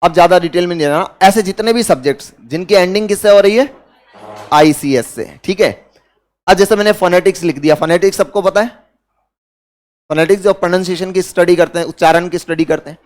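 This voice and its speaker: A man's voice: sits high, fairly quick. A man with an Indian accent giving a grammar lecture in a classroom, who asks his students questions and then answers them himself. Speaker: English teacher.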